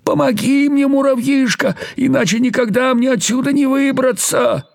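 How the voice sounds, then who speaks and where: A man doing a squeaky pleading little ant. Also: moderate pace, vocal fry, darkish tone. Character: small kind pleading male ant.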